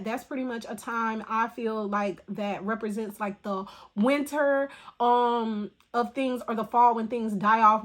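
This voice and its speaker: A woman tarot reader talking casually in a spiritual vlog, with a voice still recovering from the flu and rambling, filler-filled speech. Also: a little high. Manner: rambling, filler-heavy talk.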